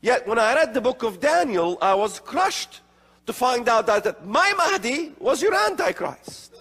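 Middle-aged male conference speaker from the Middle East, emphatic and slow, high register, long reverb of a large hall. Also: big pitch swings, fairly bright tone, husky. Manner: slow emphatic delivery with gestures. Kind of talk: prophecy conference lecture. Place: large hall with seated audience.

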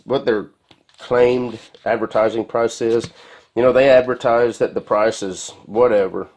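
Folksy low-voiced man in a garage. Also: darkish tone. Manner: rambling, folksy, many fillers and restarts. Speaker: home mechanic reviewing a tool. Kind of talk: casual product review. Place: garage with concrete floor.

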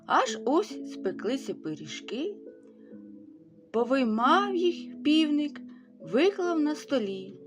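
A woman reading a folk tale aloud with slow, expressive storytelling. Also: high-pitched, music in the background.

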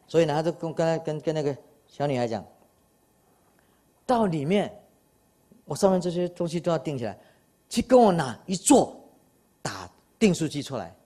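Lively older man telling a lecture story. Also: a little high, moderate pace, long pauses. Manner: storytelling with animated quoted dialogue and laughter. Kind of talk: public science lecture. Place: lecture hall.

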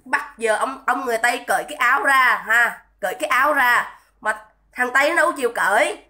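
A woman's voice: on the high side, brisk, pushed and bright. A woman, ranting on a livestream in a scolding, indignant, repetitive way and greeting viewers between tirades. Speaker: livestream commentator. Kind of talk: livestream rant.

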